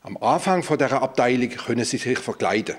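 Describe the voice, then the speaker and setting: A man's voice: mid-range voice, lively intonation, fairly quick. A man, a museum director explaining exhibits on a guided tour, speaking into a handheld mic in a large exhibition hall. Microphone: handheld microphone.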